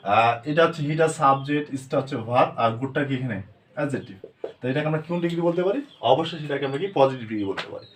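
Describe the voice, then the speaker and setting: Bangladeshi man teaching grammar, drilling slowly. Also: mid-range voice, a little hiss or hum. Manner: asks and answers his own questions, slow word-by-word drilling. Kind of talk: spoken grammar lesson with questions to students.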